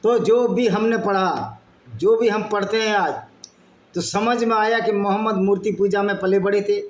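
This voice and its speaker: Reading texts aloud as a channel host, he keeps interrupting himself with blunt, argumentative comments. His voice is high and a little slow, captured in an echoey room with faint noise behind him.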